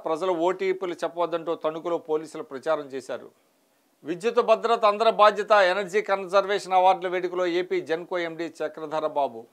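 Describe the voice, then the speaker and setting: A man reviewing the morning's newspaper headlines, reading each item and adding short remarks, with occasional restarts. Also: high-pitched. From Telugu states of India. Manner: reads headlines then adds brief remarks, occasional restarts. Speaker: news analyst reading headlines.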